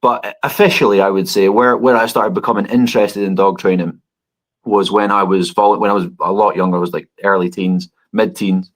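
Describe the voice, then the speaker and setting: A man's voice: lowish voice, fairly even intonation, a little fast. A man in his thirties, a dog trainer guesting on a podcast, answering thoughtfully with frequent restarts. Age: 30s. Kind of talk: conversational podcast interview.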